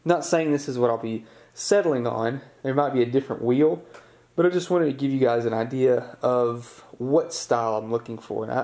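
Young man explaining car repair. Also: mid-range voice. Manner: relaxed, explanatory, with corny jokes. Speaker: car restoration vlogger. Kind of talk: hands-on how-to narration. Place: home garage.

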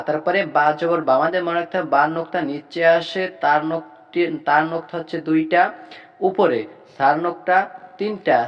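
A man teaching Quran reading, patiently drilling each letter and repeating points slowly. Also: fairly high pitch, lo-fi sound.

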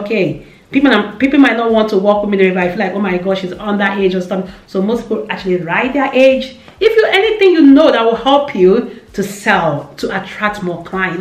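A Nigerian-accented woman in her thirties, a vlogger, sits facing the camera in an indoor room with shelves, giving casual business advice. Her medium-pitched voice is animated; she repeats phrases for emphasis and gestures a lot with her hands, and the room echoes noticeably.

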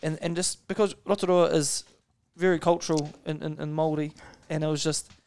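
A man with a New Zealand accent, co-hosting a casual podcast chat, excitable and laughing often, tripping over his words. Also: a little high, fairly quick, clear, resonant tone. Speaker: podcast co-host.

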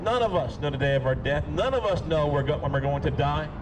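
Man, street preacher, fairly high voice, fervent and pleading, outdoor traffic noise behind. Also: lively intonation, fast. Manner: impassioned, pleading and rebuking, swings from shouting to low urging. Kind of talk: open-air street preaching. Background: cars passing.

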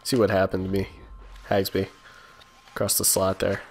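A tired man casually commentating his own hockey video game, chatty and quick to react. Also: deep voice, completely flat delivery, background noise.

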